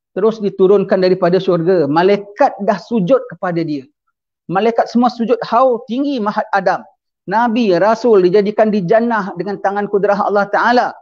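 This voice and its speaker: A man's voice: high-pitched, darkish tone, lo-fi sound. A man preaching a sermon, mixing English phrases into his speech and asking his audience questions that he then answers himself.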